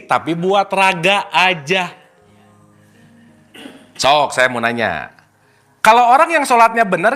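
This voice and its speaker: A man's voice: high-pitched, sharp tone. A man leading a casual religious study talk, playful and teasing, slipping in English words. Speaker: spiritual teacher.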